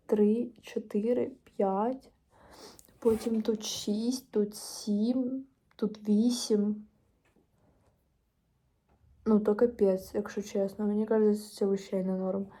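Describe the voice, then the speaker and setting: A woman's voice: medium pitch, mellow. A teenage girl from Ukraine vlogging casually to camera, chatting in a rambling way with fillers and restarts. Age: teens.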